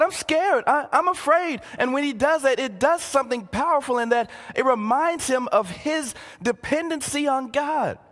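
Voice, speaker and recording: High, animated preacher man in a reverberant hall. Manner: earnest, repeats words and keeps saying "listen". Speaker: pastor. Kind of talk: sermon.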